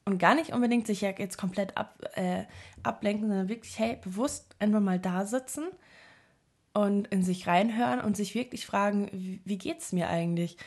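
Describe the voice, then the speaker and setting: Speaking at a medium pitch and moderate pace, a young woman offers her viewers earnest self-help advice. Her monologue is casual and reflective, full of fillers and restarts.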